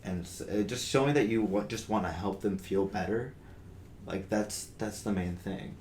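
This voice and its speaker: A young man co-hosts a podcast, talking earnestly in a casual discussion full of fillers and restarts. His voice sits fairly low and sounds a little mellow, moving at a moderate pace. The room is roomy, with faint background noise.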